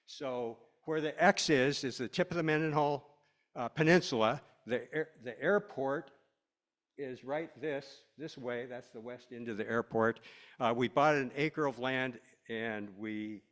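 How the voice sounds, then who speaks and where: An older man from Washington State giving a relaxed, rambling slide lecture to a class, with many fillers. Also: medium pitch, unhurried. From Washington State, USA.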